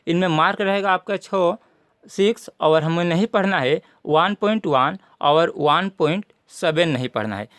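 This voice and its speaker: Male teacher, high-pitched, dry close recording, methodical and repetitive. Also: a little slow, a bit bright, smooth, no echo. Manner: methodical, repeats points for students. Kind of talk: syllabus walkthrough lesson.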